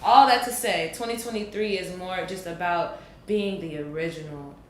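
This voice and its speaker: Reflective woman in her late twenties. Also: on the low side. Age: 20s. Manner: earnest, thoughtful, drawn-out pauses. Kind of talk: reflective casual chat. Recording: echoey room with faint noise.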